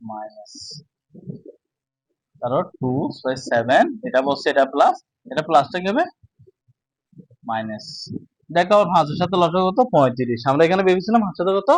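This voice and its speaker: A man teaching a math lesson, speaking slowly and asking his own questions before answering them. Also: fairly high pitch, no echo, rough recording. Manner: slow, repetitive, asks and answers own questions. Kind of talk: casual classroom lesson.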